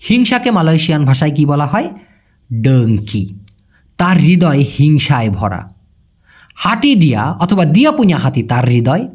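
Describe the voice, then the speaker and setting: Lively high-voiced Bangladeshi man teaching. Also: husky. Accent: Bangladeshi Bengali. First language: Bengali. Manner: chatty, repeats words slowly, calls listeners brother. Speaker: language teacher. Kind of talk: casual spoken lesson.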